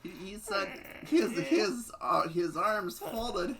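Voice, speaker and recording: A man's voice: high voice, very animated, slow, a crowd in the background. A man reading fanfiction aloud, stumbling and stuttering over words and laughing between lines. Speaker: fanfiction reader.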